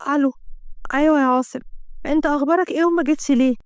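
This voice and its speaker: A woman's voice: high voice, steady tone, very fast, no room sound, studio quality, natural voice. A woman voicing a naive, lovestruck young woman with an Egyptian Arabic accent, eager and full of wonder. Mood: hurt.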